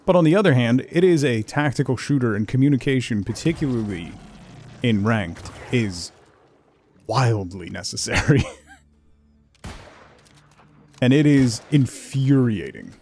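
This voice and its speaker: There's a little hiss or hum under this expressive, slightly mellow, medium-pitched male voice at normal speed. As host of a casual video game stream, he rambles conversationally and reads chat and game text to his viewers.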